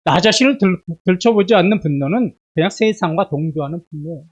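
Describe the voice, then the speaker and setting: A man preaching a Sunday sermon in a church while suffering from a bad cold with fever. He asks his listeners one rhetorical question after another, rising loud and dropping to a hush. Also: sits high, expressive, a little fast, husky, highs cut off. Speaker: pastor. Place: church sanctuary.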